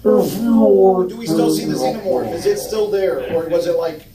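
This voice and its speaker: A man's voice: high-pitched, measured pace, over a noisy crowd. A man playing a tabletop game, joking and rambling with stumbling restarts, heard from a distance in an echoing convention hall. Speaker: player. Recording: echoey hall, distant mic.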